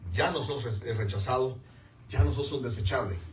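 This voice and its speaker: A man preaches with emphasis, circling back to repeat his key words and drawing answers from the room. His voice sits at an ordinary middle pitch and rings around a reverberant church hall, picked up from a distance with a faint hiss underneath. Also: moderate pace. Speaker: pastor. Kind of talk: sermon. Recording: echoey room, mic far off.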